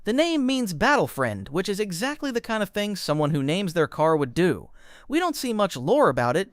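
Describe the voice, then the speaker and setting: A man reading a scripted lore explainer, with a wry, joking manner and quick comic asides. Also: sits high, smooth, no echo, studio quality. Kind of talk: scripted narration.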